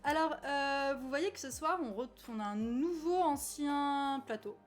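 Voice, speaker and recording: A woman's voice: sits high, measured pace, faint music behind. Giggly upbeat young woman streamer. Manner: giggly, upbeat, a little nervous. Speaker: streamer host. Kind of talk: casual live stream chat.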